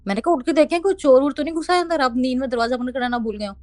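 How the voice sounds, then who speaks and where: A young woman, casually telling a ghost story and quoting others in lively bursts. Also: high voice, rapid-fire, dry recording, clean studio sound. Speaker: storyteller recounting a haunting.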